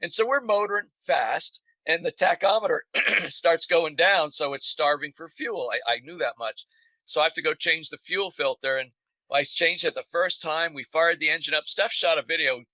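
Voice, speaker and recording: Bright upbeat man telling boat stories. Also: fairly high pitch, moderate pace, dry recording, low-quality recording. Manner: upbeat, proud, jokey storytelling. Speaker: interview guest, boat owner. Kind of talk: casual interview chat.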